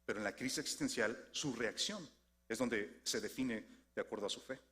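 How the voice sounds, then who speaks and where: A man with a Mexican Spanish accent preaching a sermon, swinging from lively questions to soft, low emphasis. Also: normal speed. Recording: long hall reverb.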